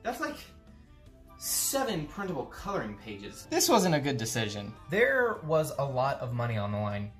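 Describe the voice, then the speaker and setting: A man telling a sarcastic, self-mocking story in a scripted comedy vlog, his pitch leaping all over the place. The recording is roomy and echoey, and faint music plays underneath. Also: wildly swooping pitch, moderate pace, hardly any pauses, fairly bright tone. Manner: sarcastic, self-mocking, swings into sudden mock outbursts. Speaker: YouTube creator.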